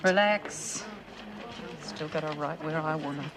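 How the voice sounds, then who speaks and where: An actress playing a scheming female prisoner who speaks in a low, conspiratorial way. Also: measured pace. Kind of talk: TV drama acting. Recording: distant voice with crowd noise.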